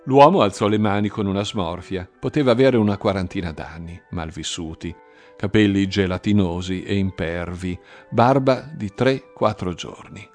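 A man reading crime fiction aloud in a measured, dramatic way. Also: low-pitched, a little mellow, faint music behind. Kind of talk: audiobook crime narration.

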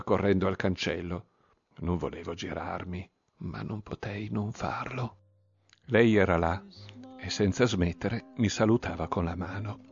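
Low-voiced man narrating a story tenderly. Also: vocal fry, slightly rough, dry recording, muffled recording. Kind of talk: scripted audiobook narration.

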